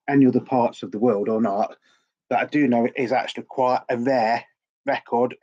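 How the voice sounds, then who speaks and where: This middle-aged record collecting vlogger has a sore throat and a medium-pitched, slightly mellow voice, heard through a muffled recording. He chats casually and meanderingly, repeating words often.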